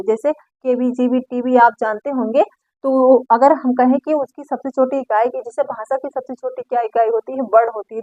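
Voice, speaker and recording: A woman's voice: high-pitched, a little mellow, no echo. Woman teaching with patient repetition. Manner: patient, repeats key points, asks and answers her own questions. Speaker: English pronunciation teacher. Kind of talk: explanatory lesson. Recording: dry, muffled lo-fi recording.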